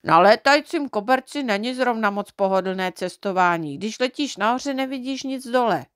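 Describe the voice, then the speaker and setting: A woman voicing a boastful, careless little boy mite from a storybook, raising her voice into a cocky, excitable tone. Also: on the high side, no echo, clean studio sound, lightly acted.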